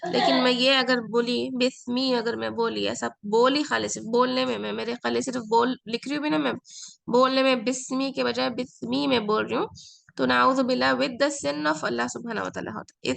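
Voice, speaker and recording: A woman with Urdu as her first language teaches an Arabic lesson. Her voice is a little high and heavily gravelly with vocal fry. She explains patiently, repeating key words and mixing in English phrases. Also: fairly bright tone. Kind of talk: online class lecture.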